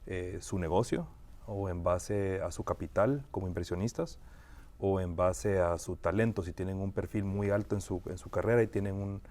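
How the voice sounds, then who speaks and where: Speaking in a low, darkish voice, a Guatemalan immigration lawyer gives measured answers in an interview, often using fillers and starting over.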